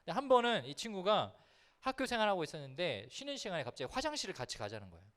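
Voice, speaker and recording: Talking very fast, this youth pastor has a high voice with wide pitch swings as he shares a comical school-days memory. He keeps the sermon playful and lively, addressing the young audience in front of him with humor.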